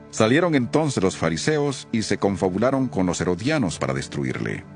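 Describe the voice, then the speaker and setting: A man narrating a Bible reading in a solemn, expressive scripted style. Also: deep voice.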